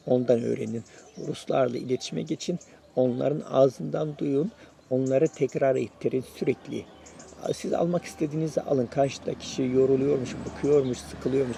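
Male host, gravelly and dark-toned, casual encouraging tutorial delivery, talks straight to viewers. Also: mid-range voice, slight background noise. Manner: encouraging, repeats advice, addresses viewers as friends. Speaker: YouTube host sharing his Russian learning. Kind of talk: casual spoken lesson to camera.

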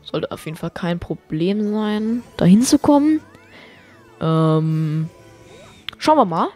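A woman with a lowish voice gives running commentary on a video game as a let's play host. She talks in an excitable, chatty way, swears freely and tosses in English exclamations. Her voice sounds strained, and faint game music plays behind her. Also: takes it slowly. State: voice getting strained. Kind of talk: live gameplay commentary.

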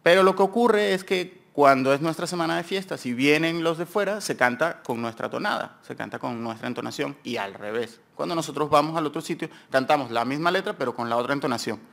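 Speaking in a university seminar room, this conference presenter has a Peninsular Spanish accent and a voice on the high side that is expressive, creaky and a bit bright. He talks fairly quickly with hardly any pauses, rambling informally about his research and fixing his own slips as he goes.

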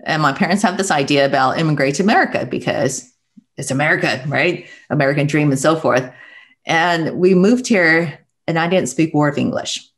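Speaking fairly quickly in a deep voice, this Taiwan-born guest in middle age comes across as earnest and reflective, with gentle laughs. She's on a video call using a wired earbud headset, indoors in a home room with bookshelves.

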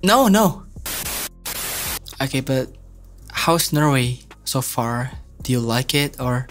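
A young Indonesian man, a singer hosting a video chat, talks shyly and hesitantly between songs from a small home studio into a close desk mic. His medium-pitched voice has lively intonation, and he takes it slowly, soft-spoken and bashful. Guitar music plays in the background.

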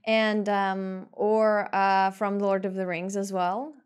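A woman's voice: mid-range voice, level tone, slow pace, clean tone. A woman co-hosting a casual podcast conversation, easygoing, with light laughs and fillers. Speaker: podcast co-host.

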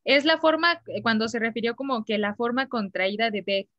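A woman's voice: on the high side, expressive, normal speed, fairly bright tone, dry recording, muffled recording. A woman, a student asking questions in an online English class, hesitant and searching for words.

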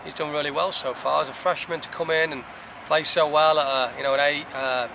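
Brief: thirties male coach, quick postgame talk, slightly high voice, traffic noise behind. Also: steady tone, creaky. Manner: measured, reflective, frequent "you know". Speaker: head soccer coach. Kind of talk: postgame interview. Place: outdoors by a stone wall.

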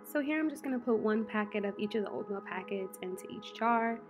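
A woman in her twenties, chatty and relaxed, walking through a meal prep in her home kitchen. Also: medium pitch, a little fast, music in the background. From United States. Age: 20s. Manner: chatty, relaxed, lots of fillers. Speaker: lifestyle vlogger. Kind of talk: casual how-to vlog.

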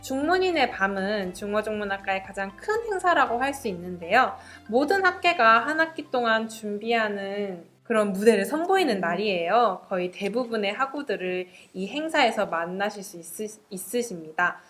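A woman's voice: mid-range voice, expressive, moderate pace, few pauses, a bit bright, soft background music. A young woman, a student presenter, speaking in a polite, scripted presentation style. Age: young adult.

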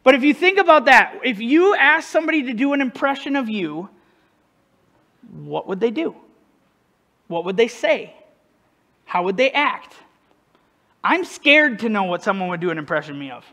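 Male pastor with a high, light voice; casual, self-deprecating sermon delivery. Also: lively intonation, normal speed, pauses often, pushed and bright. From northern United States. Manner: conversational, self-deprecating, asks the congregation questions.

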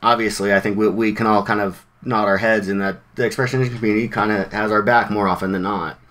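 A man talks casually to a developer meetup, his presentation full of slang, fillers, and restarts. His voice is lowish and slightly bright, with fairly even intonation and a fast pace.

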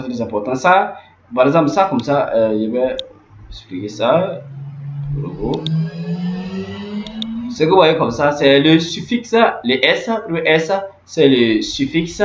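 A man's voice: mid-range voice, slight background noise. A man explaining a language lesson over on-screen notes, repeating phrases with many fillers and muttered asides. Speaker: language teacher. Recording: echoey room, dull lo-fi sound.

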